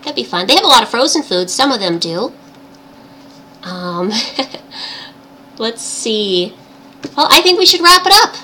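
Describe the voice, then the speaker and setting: Hosting a laid-back livestream, a woman chats and giggles cheerfully in a tiny, cartoon-princess voice. She speaks fairly high and sing-song, a little slowly with frequent pauses, sounding pushed and bright over background noise.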